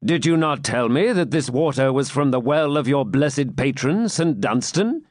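A man's voice: mid-range voice, expressive, normal speed, dry recording, studio quality, close to an everyday voice. A man reading the part of a courtly knight, earnest and formal. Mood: questioning.

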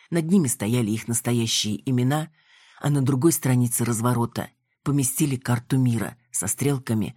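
A man reading a first-person audiobook in a measured, steady way. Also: mid-range voice, slightly rough, no room sound, studio quality. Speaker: audiobook narrator.

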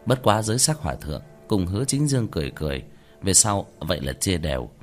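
A man narrating a fantasy tale with a low voice that rises and falls with animated feeling. Faint music plays softly behind his steady, expressive reading. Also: fast. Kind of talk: storybook narration.

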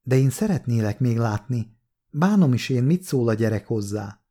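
A man voicing an eager, baffled male lover in an audiobook, speaking low and pleading. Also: expressive, dark tone, lightly acted.

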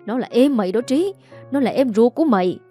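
A woman voicing a frail old mother who shouts and scolds her quarrelling grown children, in a Southern Vietnamese accent. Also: fairly high pitch, expressive, a little fast, soft background music, voice pushed up, lightly acted. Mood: furious scolding.

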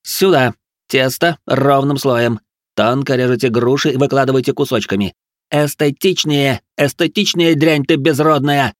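A man voicing a pompous, ranting aristocrat who lectures and barks cooking orders in a shrill, squealing voice. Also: a little fast, no echo, clean studio sound, lightly acted. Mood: yelling orders. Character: shrill manic aristocratic male drill-sergeant cook. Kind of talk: audiobook character voice.

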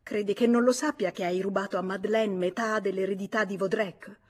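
A woman voicing a furious, indignant jilted lover who shouts her accusations in a radio audiobook reading. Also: medium pitch, steady tone, a little fast, natural voice. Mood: furious, accusing.

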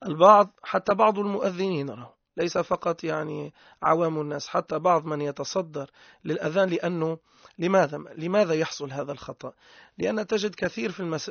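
This Tunisian man teaches a religious lesson emphatically, blending dialect with formal Arabic and stretching out words to point out mistakes. His voice is high, slightly bright and marked by vocal fry. The recording is dull, lo-fi and dry with no echo.

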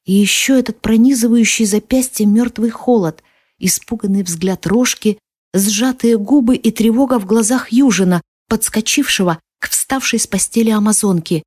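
A woman narrating a first-person audiobook in an expressive, sometimes hushed manner. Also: fairly high pitch, normal speed, dry recording, clean studio sound.

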